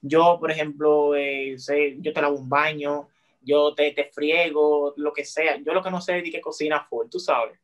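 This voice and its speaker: Young Dominican male guest, friendly and easygoing, a touch high in pitch, heard through a video call. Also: measured pace, muffled recording. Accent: Dominican Spanish. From Dominican Republic. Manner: friendly, relaxed, chatty. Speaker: guest TikToker. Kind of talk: casual interview on a video call. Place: small room indoors.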